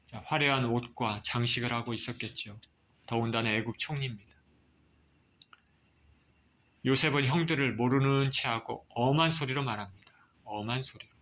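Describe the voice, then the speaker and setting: A man preaching a sermon as pastor, reading scripture and explaining it with measured pauses. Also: medium pitch, a bit bright.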